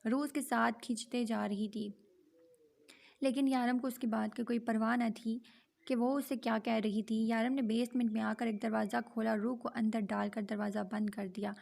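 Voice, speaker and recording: A woman reading a romance novel aloud in a steady, monotone way. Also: a little high, gravelly. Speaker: novel reader.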